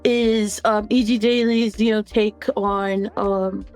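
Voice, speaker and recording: A woman's voice: mid-range voice, little pitch movement, slow pace, darkish tone, faint music behind. A young woman guest on a podcast, a voice actor with a naturally youthful, boyish-sounding voice who laughs often in casual chat.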